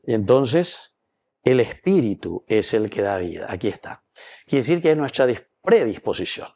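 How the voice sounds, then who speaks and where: Male priest, Paraguayan accent, mid pitch with a creaky edge; animated homily, rhetorical questions. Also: normal speed. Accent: Paraguayan Spanish. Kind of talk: homily at Mass.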